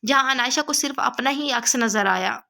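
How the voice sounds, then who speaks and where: A woman narrating a romance novel in a steady, measured reading. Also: sits high, creaky. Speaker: novel reader. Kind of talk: storybook narration.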